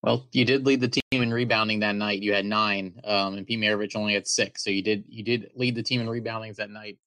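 A male host runs a podcast-style interview, asking long, careful questions in an earnest manner. His voice sits on the low side and sounds dry and close to the mic. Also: fairly even intonation, brisk, pushed and bright, no room sound.

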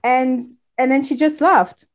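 Her voice is high, steady in tone, and measured in pace as this woman in her thirties, originally from Congo, recounts her story as an interview guest. She's warm and casual and restarts often.

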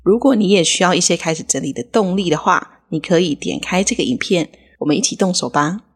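A woman with a low, husky voice talks in Taiwanese Mandarin as a podcast co-host. She teaches English vocabulary in a relaxed lesson style. She breaks each word down slowly and plainly. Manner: explains words slowly and clearly. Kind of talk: casual language lesson.

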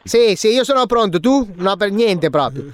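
A man's voice: sits high, sing-song, normal speed. A radio host putting on the voice of a brash, bullying man who phones to sell stolen sneakers, rude and threatening. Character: brash bullying male shoe-fence caller from near Naples. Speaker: prank caller.

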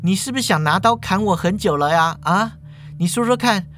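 A man's voice: high-pitched, expressive, fairly quick, fairly bright tone. A man voicing a suspicious young colleague who talks in a raised, accusing way.

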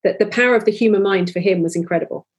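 A woman in her forties appears as a podcast guest in a candid, conversational interview, speaking earnestly and openly with many restarts. Her voice is medium in pitch, racing, and slightly rough.

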